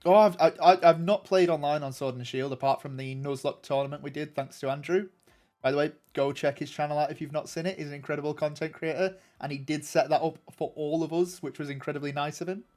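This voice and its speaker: A young man with a slightly high, nasal, somewhat mellow voice talks fast and steadily while chatting with viewers on a game stream. He rambles through casual answers to their questions, full of ums and restarts.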